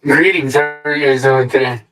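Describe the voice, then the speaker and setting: A man's voice: mid-range voice, steady tone, fairly quick, fairly bright tone, faint music behind. Man with a tinny, metallic echo. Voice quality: metallic, tinny echoing sound. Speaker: panel guest. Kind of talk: casual chat. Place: small room.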